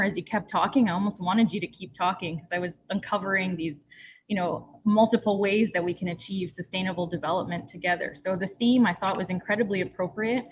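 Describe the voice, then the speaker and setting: A woman's voice: medium pitch, rough recording. A woman in her thirties gives a juror's feedback over a video call from a small room at home. She talks in a thoughtful, appreciative way that wanders, with a faint hiss under her voice. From Montreal. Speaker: competition juror.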